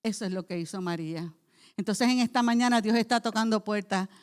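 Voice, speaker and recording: A woman pastor preaching a sermon in church, impassioned, moving from soft speech to loud cries. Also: mid-range voice, brisk, clear, resonant tone.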